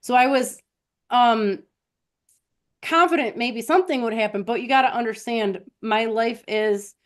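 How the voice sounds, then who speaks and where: A woman with a medium-pitched voice hosts a live stream, sharing personal stories casually and addressing her listeners directly.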